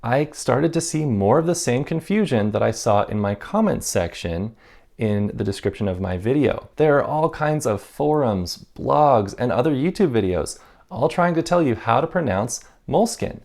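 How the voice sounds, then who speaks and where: Male stationery vlogger, casual and self-mocking, with a gravelly edge and mid-range pitch. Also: lively intonation, moderate pace, darkish tone. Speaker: stationery YouTuber. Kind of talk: casual vlog talk.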